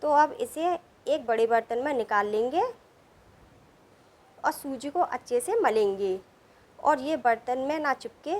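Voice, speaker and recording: A woman narrating a cooking recipe step by step in a calm, steady instructional voice-over. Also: high-pitched. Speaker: cooking channel host.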